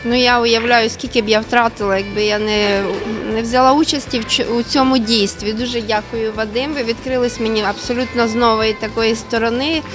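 A woman's voice: a little high, steady tone, brisk, hardly any pauses, music in the background. A woman giving effusive, grateful feedback after a cooking class. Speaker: master class participant. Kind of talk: casual spoken feedback.

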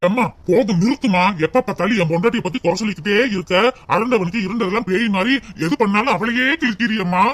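A man's voice: high voice, fast. A man voicing a patient adult son who pleads with his mother in a cartoon comedy. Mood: pleading. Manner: pleading, placating.

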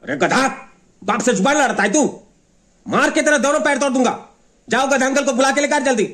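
A man with a Bundeli accent playing a hot-tempered village father who shouts and scolds his son in a comedy sketch. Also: extremely high pitch, brisk, a little hiss or hum. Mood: scolding.

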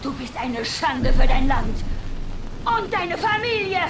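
A woman's voice: big pitch swings, a little slow, reverberant, exaggerated voice. A woman playing a cruel, domineering middle-aged female general in a video game, taunting and barking theatrically. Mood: scornful. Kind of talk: German video game dub acting. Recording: distant, noisy, vehicle-like rumble.

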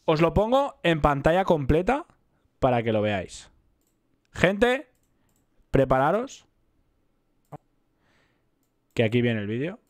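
A slightly high, sing-song voice belongs to a young Spanish-accented man who speaks slowly and pauses often. He's a roleplay streamer giving casual gameplay commentary, wandering off on tangents, mocking himself and joking with his viewers.

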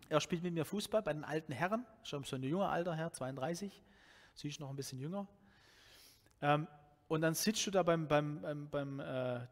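Using a headset microphone in a church hall, a Swabian pastor in his forties preaches with a Swabian German accent and a slightly high voice. His sermon is conversational and lively, peppered with fillers and frequent restarts.

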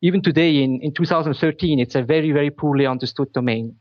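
A man's voice: a little high, fast talker, no room sound, muffled recording. A man from Switzerland whose first language is Swiss German, speaking English as a company founder in a technical interview. He talks carefully, often repeating words while he searches for the right phrasing.

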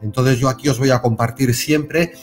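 A man with a Spain Spanish accent gives a spiritual self-help talk to camera, lively and repetitive, often checking in with his listeners. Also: medium pitch, moderate pace, soft background music. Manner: animated, repeats words and stresses with tag questions. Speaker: self-help video host.

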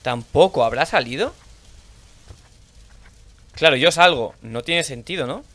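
A young man with a Spanish accent from Spain, playing a horror game and thinking aloud in low mutters, now and then shouting out. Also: animated, measured pace. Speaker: gaming streamer. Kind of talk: horror let's play commentary.

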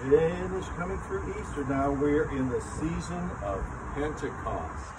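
Older guy doing a kids sermon outside, kinda high voice, far from the mic with traffic behind. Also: measured pace. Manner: animated storytelling, talks to children. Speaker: children's sermon leader. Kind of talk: children's sermon. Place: outdoor covered chapel area. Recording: distant mic with traffic noise outdoors.

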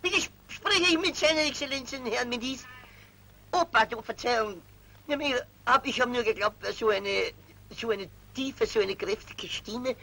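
A fussy little official, tripping over his words and fawning over his superiors. His voice sits high and bright, in an old film soundtrack from the 1940s. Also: moderate pace, gravelly, slight background noise, exaggerated voice, rough recording. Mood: deferential. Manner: stammering, deferential, excitable. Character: flustered fussy male minor civil servant. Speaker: stammering petty official.

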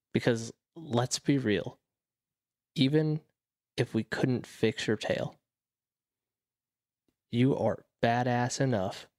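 A man voicing Logic, a devoted, witty partner in an audio drama, gentle and reassuring. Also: mid-range voice, no echo, clean studio sound, close to an everyday voice.

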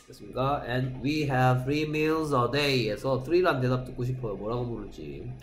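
A man's voice: mid-range voice, takes it slowly. A Korean-speaking man teaching middle school English in a classroom, drilling pronunciation and often checking that students follow. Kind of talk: classroom lecture. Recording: echoey classroom.

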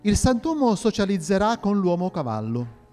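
A wry royal falconer, as a man voices him, quick and lower than the reader's own voice, with a mellow tone. The voice echoes in a hall with faint music. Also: very animated.

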